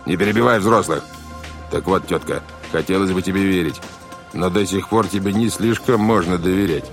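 A man voicing a scheming one-eyed sea captain, a villain who talks calmly and with cold mockery. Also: sits low, normal speed, music in the background. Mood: mocking. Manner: calm, coldly mocking, menacing. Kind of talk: audiobook character voice.

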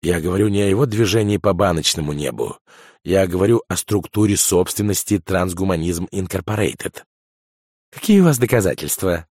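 A measured male intelligence chief explains in a low, steady voice, as a man reading the book voices him. The delivery is methodical and unhurried, recorded close and dry. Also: dry recording. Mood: calm. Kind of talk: audiobook character voice.

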